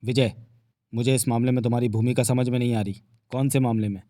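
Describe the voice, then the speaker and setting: A stern middle-aged police officer who demands answers, as a male narrator acts him out. He speaks at a plain everyday pitch, recorded dry and close. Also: fairly even intonation, fast, warm tone, no echo, natural voice.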